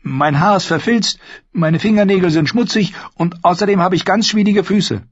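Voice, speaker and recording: A man voicing a defiant, scruffy young girl in an audiobook, in a high, insistent voice. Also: moderate pace, breathy edge, dry recording, muffled recording. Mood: plaintive.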